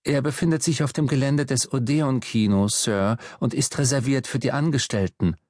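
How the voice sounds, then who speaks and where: A man reading an audiobook, voicing a cool, formal female traffic warden who answers flatly and politely. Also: medium pitch, normal speed, dry recording, clean studio sound, natural voice.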